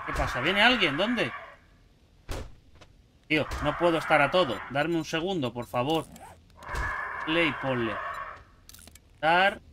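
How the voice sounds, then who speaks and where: A young man giving jokey, excitable commentary while playing a survival game, yelping at sudden scares. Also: fairly high pitch, slow pace, long pauses, background noise. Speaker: gaming YouTuber. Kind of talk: gameplay commentary.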